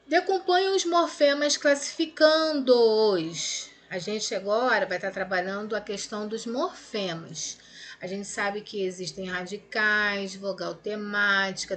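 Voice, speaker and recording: A woman's medium-pitched, somewhat bright voice leads a recorded lesson correcting grammar exercises. She has a Brazilian Portuguese accent, explains things step by step, stretches words out syllable by syllable, and regularly checks in with her students.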